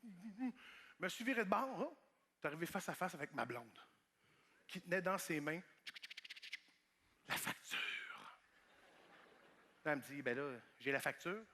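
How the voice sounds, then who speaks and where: Animated Québécois man doing stand-up. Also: sits high, measured pace, long pauses, a little hiss or hum. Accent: Québécois French. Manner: animated storytelling, acting out voices and shouts. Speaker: stand-up comedian. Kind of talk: stand-up comedy routine. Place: large theatre stage.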